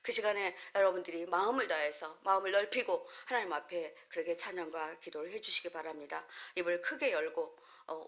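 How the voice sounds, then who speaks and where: A woman pastor giving a sermon and leading fervent spoken prayer, with steady preaching that rises into impassioned, repetitive calling out. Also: fairly low pitch. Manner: calm, measured preaching. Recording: music playing underneath. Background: instrumental music.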